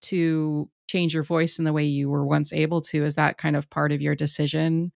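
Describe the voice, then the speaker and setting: Woman host asking questions, low gravelly voice, dry close sound. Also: flat delivery, moderate pace, a little mellow, dry recording. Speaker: podcast host. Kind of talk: casual interview.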